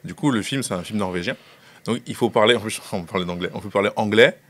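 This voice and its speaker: A male guest recounts a story in a casual interview. He hesitates and fills gaps with small sounds and laughter. His voice sits somewhat low. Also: quick pace, fairly bright tone. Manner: hesitant, laughs, many fillers. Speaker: guest filmmaker.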